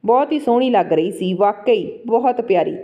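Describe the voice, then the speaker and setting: A woman narrating a story aloud in a steady, even storytelling delivery. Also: medium pitch, moderate pace. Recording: dull lo-fi recording.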